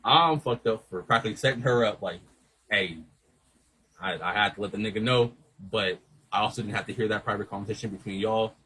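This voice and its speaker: A man telling a rambling, animated story in casual chat, swearing a lot and acting out what everyone said. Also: lowish voice, a little fast, breathy edge, low-quality recording. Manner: rambling, animated retelling with lots of swearing and quoted dialogue.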